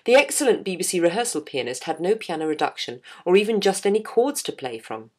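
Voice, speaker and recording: Low-voiced lady reading her choir story, dry wry humour. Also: very animated, fast talker. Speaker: choir singer telling a story. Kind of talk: scripted narration.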